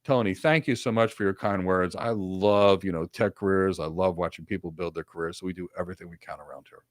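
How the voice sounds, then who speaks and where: A deep-voiced man with fairly even intonation speaks fairly quickly as co-host of a live career Q&A. His earnest advice comes in short, repeated instructions from a home office with several monitors, over a desk webcam video call. The recording has studio quality and no room sound.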